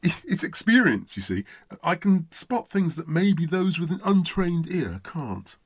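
A man's voice: fairly high pitch, very animated, measured pace, slightly rough, dry recording, studio quality. A man from Essex, an accent coach in a comedy sketch interview, talking in a pompous, self-important way. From Essex, England.

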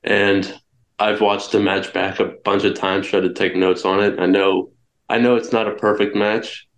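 Young male guest, low voice, candid and rambling, echoey room sound. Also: little pitch movement, moderate pace. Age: young adult. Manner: candid storytelling with many restarts. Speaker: guest wrestler. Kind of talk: casual interview.

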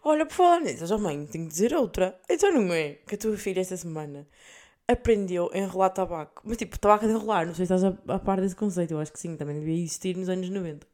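Speaking quickly and with animation in a fairly low, darkish voice, a twenty-something female podcast host with a European Portuguese accent chats through stories in a casual monologue. She swears freely and slips English words into her speech.

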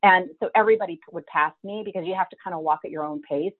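A woman's voice: fairly low pitch, fast. Middle-aged woman over a tinny line. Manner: vivid, emotional storyteller who acts out her own past thoughts. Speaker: guest telling her life story. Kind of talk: personal storytelling.

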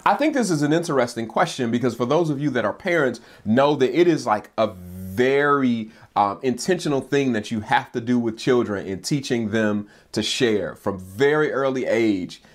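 A man's voice: mid-range voice, lively intonation, normal speed, few pauses. A man preaching as a pastor in a personal, conversational teaching style, informally peppering his points with "like" and "right?". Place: home basement playroom.

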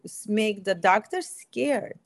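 Appearing as an interview guest, this middle-aged Armenian woman, an aesthetic medicine physician, answers emphatically and enthusiastically in her Armenian accent. Her medium-pitched voice is expressive and slow-paced, captured in studio quality with no room sound.

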